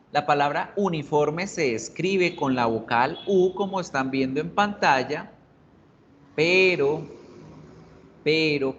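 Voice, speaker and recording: A man's voice: on the high side, a bit bright, highs cut off, a little hiss or hum. A male English teacher explaining in a video lesson, patiently repeating words to drill pronunciation.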